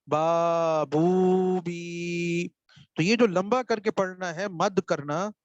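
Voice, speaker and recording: A man's voice: high-pitched, dry recording, muffled recording. A man with a Pakistani Urdu accent teaching the rules of Quran recitation in an online class. He patiently repeats each answer and checks that the students follow. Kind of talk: online lesson, reading out questions and explaining.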